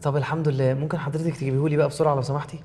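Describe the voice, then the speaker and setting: An actor playing an anxious young husband in a TV comedy, speaking with an Egyptian Arabic accent in a flustered, exasperated way. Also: male voice, fairly high pitch, level tone, racing, dark tone, a little hiss or hum, close to an everyday voice. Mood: awkwardly polite. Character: frazzled young husband, anxious and quick to panic. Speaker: software engineer husband. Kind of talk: TV comedy series acting.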